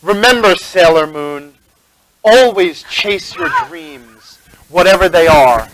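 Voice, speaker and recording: A man voicing a dashing masked hero giving solemn, slow encouragement. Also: high voice, animated, far from the mic, crowd noise, pitched above the performer's own voice, full character voice, poor audio. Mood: earnest.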